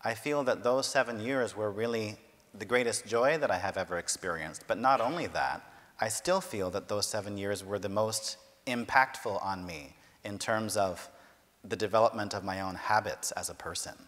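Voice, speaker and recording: A man works as a consecutive interpreter for a speaker, rendering each passage in steady, careful formal phrasing. His voice is fairly low, and it rings with a long reverb from the large university hall. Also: moderate pace.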